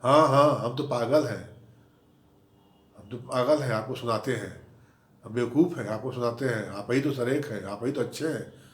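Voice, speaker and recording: A man voicing his sharp-tongued, quick-to-anger wife in a comedy sketch. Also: echoey room, natural voice. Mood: sarcastic. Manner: sarcastic, shrill nagging.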